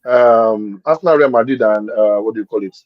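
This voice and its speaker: Talking football in a relaxed match-review chat, a male pundit makes his points forcefully, repeats them and backs them with examples. He speaks a little fast in a fairly low voice, and the recording is dry with lo-fi sound.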